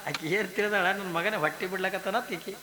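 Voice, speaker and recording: A man's voice: sits high, normal speed, roomy sound, slight background noise, low-quality recording. A man giving a devotional sermon, telling stories, acting out the voices in them and putting questions to the audience. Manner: animated, acts out quoted voices, asks the audience questions. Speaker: pastor.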